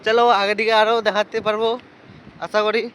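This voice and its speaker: A man's voice: high-pitched, level tone, fairly quick, fairly bright tone. A man vlogging casually by a muddy riverbank and on a boat, chatting to his viewers and calling out to passers-by, recorded on a handheld phone. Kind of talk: casual walking vlog commentary. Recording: outdoor wind and boat noise.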